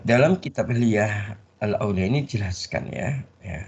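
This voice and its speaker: Male religious teacher, a gravelly, husky delivery, and call-and-response pauses. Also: lowish voice, a little mellow. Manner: call-and-response, leaves words half-said for the audience to finish. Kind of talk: Islamic study lecture. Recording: dull lo-fi recording.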